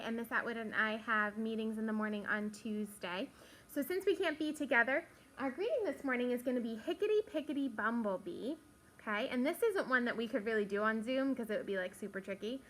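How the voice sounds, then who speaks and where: A woman's voice: sits high, fairly bright tone. A woman teacher talking patiently to young children, encouraging them with simple words in a recorded morning meeting from her classroom. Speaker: elementary school teacher. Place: classroom, indoors.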